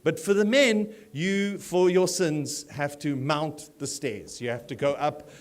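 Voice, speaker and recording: Male MC, slightly high voice, playful banter, banquet hall stage mic. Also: measured pace. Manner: jokey, self-deprecating banter with the audience. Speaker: master of ceremonies at an awards gala. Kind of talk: live event hosting. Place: large banquet hall, indoors.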